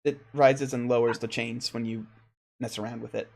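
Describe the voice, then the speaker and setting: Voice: medium pitch, steady tone, normal speed, vocal fry, a little mellow. Hesitant game master reading room text. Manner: hesitant, lots of ums and uhs. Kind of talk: running a tabletop game and reading room descriptions.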